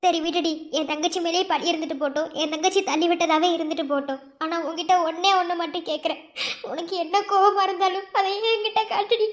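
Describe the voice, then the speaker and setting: A woman's voice: extremely high pitch, fairly even intonation, quick pace. A woman voicing a desperate young adult in a cartoon, emotionally begging someone not to hurt their younger sister. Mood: pleading. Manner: pleading, emotional. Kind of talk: cartoon voice acting.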